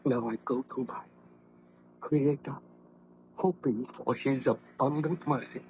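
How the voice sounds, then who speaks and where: An actor playing a weak, guilt-ridden dying baron with formal, theatrical pleading in an old-time radio horror drama. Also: male voice, medium pitch, fairly even intonation, measured pace, dull audio, natural voice. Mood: dying, penitent. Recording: noisy vintage radio recording.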